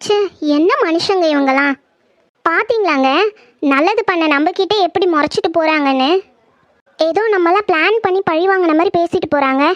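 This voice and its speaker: A woman's voice: very high-pitched, moderate pace, no room sound, highs cut off. A woman voicing an indignant village wife complaining about ungrateful guests in a dramatized horror story.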